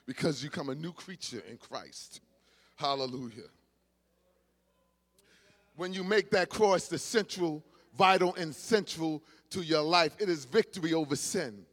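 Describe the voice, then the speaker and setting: A male pastor a sermon, dropping to quiet asides and then rising into shouted exhortation. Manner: swings from low murmurs to shouted exhortation.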